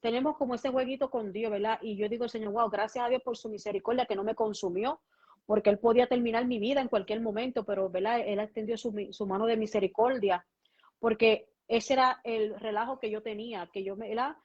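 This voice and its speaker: A woman pastor tells her story as a guest, voicing each person in her conversations with lively back-and-forth. Her voice sits fairly high. The recording sounds dull and lo-fi. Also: brisk. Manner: lively storytelling, acting out both sides of conversations. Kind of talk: testimony in an interview.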